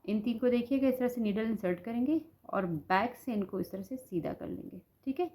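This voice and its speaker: A woman's voice: fairly high pitch, animated, brisk, a little mellow. A woman giving a patient step-by-step knitting tutorial, talking through each stitch with a sore throat. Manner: patient, repeats "ठीक है" as she demonstrates. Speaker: knitting instructor.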